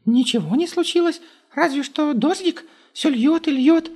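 A man's voice: very high voice, normal speed, darkish tone, voice pushed up. A male reader voicing a simple-minded, childlike giant who speaks plainly and whines a little, in an audiobook.

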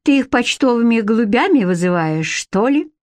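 A woman's voice: on the high side, big pitch swings, normal speed, darkish tone, dry recording, voice pushed up. A woman voicing a sarcastic middle-aged mother with a mocking, snide tone.

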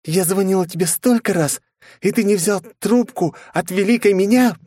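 A man pushes his voice up high to play a haughty, possessive young princess in an audiobook, speaking at normal speed with a darkish tone. She is furious and menacing, snapping out scolds and threats, and the recording is dry.

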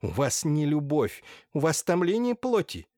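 A man's voice: on the high side, wildly swooping pitch, a little slow, warm tone, no room sound, voice pushed up. A man voicing a domineering, scheming older noblewoman in an audiobook, by turns wheedling and hissing. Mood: scornful. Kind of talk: audiobook character voice. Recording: dry close studio sound.

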